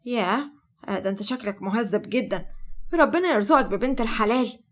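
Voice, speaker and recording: A woman voices a naive young woman with an Egyptian accent in a narrated story. She is wary and prickly, speaking fast and high. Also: animated, a bit bright. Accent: Egyptian Arabic.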